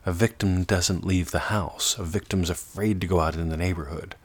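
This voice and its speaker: A man giving a meditative self-development lesson, drawing words out slowly and often half-whispering them. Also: deep voice, steady tone, slightly rough. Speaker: teacher.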